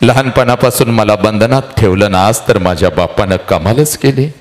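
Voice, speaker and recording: A man voicing a young bride who is hurt and puzzled, speaking low. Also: moderate pace, close to an everyday voice. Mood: hurt, subdued.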